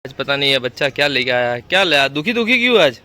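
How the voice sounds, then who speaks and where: A man's voice: mid-range voice, big pitch swings, quick pace, pushed and bright. A man vlogging outdoors in a neighborhood lane, chatting playfully and teasing local kids. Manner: playful, teasing, talks to the camera as "guys". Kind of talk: casual vlog chat with neighborhood kids.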